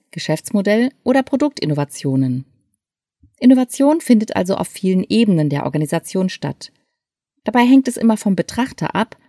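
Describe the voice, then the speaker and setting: Female narrator, mellow lower voice, scripted essay read, dry booth. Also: no room sound. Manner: clear, measured reading. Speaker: article reader.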